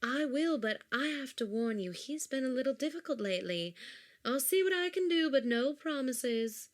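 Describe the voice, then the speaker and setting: An actress playing a brisk, scheming mother who puts on a fake British accent in a comedic audio drama. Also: sits high, expressive. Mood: breezy. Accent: put-on British. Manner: brisk, breezy and impatient.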